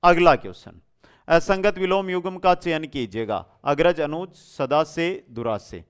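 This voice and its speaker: A man's voice: fairly high pitch, a little slow, clear, resonant tone. A man with a Rajasthani Hindi accent teaching an exam coaching lesson from India, quizzing students and answering his own questions.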